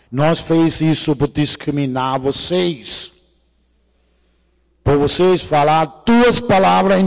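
This is a middle-aged man from Denmark, pitched fairly high with a slightly mellow quality, lecturing in Portuguese with a Danish accent. His irreverent, joking conference talk includes casual profanity and non-native grammar errors. It echoes through a large lecture hall.

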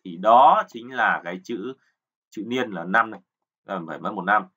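A man's voice: fairly low pitch, moderate pace, a bit bright, muffled recording. A man teaching kanji, patiently explaining and repeating words, often checking with learners. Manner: keeps asking "right?" to check learners. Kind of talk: explanatory lesson.

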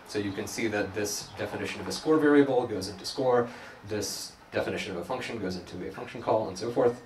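A young man giving a casual live demo talk at a tech meetup, rambling and self-deprecating with lots of ums and restarts. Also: fairly low pitch. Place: meeting room at a hack night. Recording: echoey room, distant mic, faint noise.

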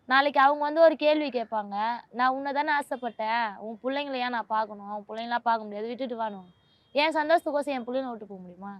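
A woman's voice: high-pitched, dry recording, lo-fi sound. A woman, a mother of two, speaks in an emotional interview in a pleading, aggrieved and insistent way.

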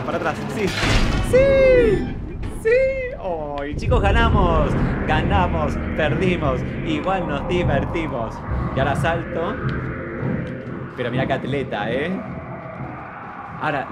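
A man with an Argentine accent streaming a video game, talking to his chat in an excitable, shouting way and speaking of himself in the feminine. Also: on the high side, heavy background noise. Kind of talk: live gameplay commentary. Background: loud game music.

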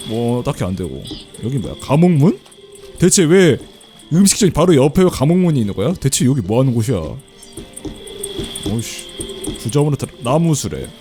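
A man's voice: medium pitch, very animated, normal speed, pauses often, dark tone, soft background music. A man giving casual let's play commentary, chatty and often laughing as he reads the game text aloud. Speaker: game streamer.

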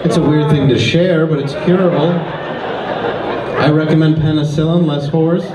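A man's voice: on the high side, steady tone, moderate pace, distant mic. A middle-aged American man doing stand-up crowd work, bantering with someone in the audience. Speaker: stand-up comedian. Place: small comedy club stage. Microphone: handheld microphone. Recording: echoey club, loud crowd and noise. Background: laughing, noisy audience.

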